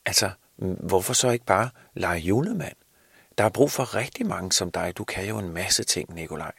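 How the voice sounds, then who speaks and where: A man voicing a jolly, kindly old Santa who coaches a younger man's voice, loud and encouraging. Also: lively intonation, creaky, breathy edge, no echo, exaggerated voice. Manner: booming, encouraging, raised voice.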